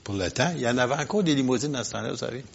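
A male preacher gives a sermon and speaks straight to his congregation, full of questions and asides. He drops to near-murmurs, then surges into loud, forceful declarations. His voice sits at an ordinary pitch on a dull, lo-fi recording. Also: racing, creaky, husky. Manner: swings from quiet asides to loud emphatic bursts. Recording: lo-fi, dull sound.

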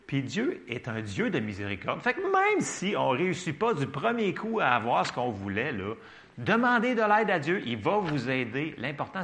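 A man's voice: on the high side, gravelly. A man preaching a sermon in a Quebec French accent, conversational and often checking in with his listeners. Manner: lively, conversational, checks in with the congregation. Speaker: pastor.

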